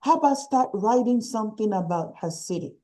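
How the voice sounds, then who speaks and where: Emphatic woman guest with a mellow voice. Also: mid-range voice, lively intonation, a little fast, poor audio. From Nigeria. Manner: emphatic and encouraging, repeats points for stress. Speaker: guest, author and speaker. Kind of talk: advice-giving conversation.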